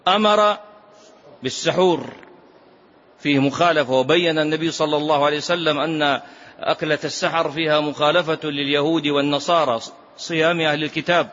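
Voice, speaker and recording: A man's voice: on the high side, a bit bright. A man teaching a religious lesson on a classical text. He repeats key phrases for emphasis and asks his listeners rhetorical questions. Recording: dull lo-fi lecture recording.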